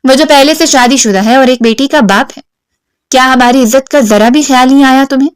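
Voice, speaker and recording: A strict middle-aged father scolds his daughter in a stern, raised voice, read by a woman narrator. The voice stays fairly high and crisp, with a dry close-miked sound. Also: dry recording, lightly acted. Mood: angry.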